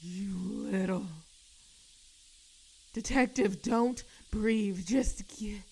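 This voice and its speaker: A voice actress plays a bold, teasing female crime boss in an audio roleplay, using a husky, mid-range voice with an unhurried, mellow delivery. She flirts and jabs playfully, though her mood comes across as alarmed.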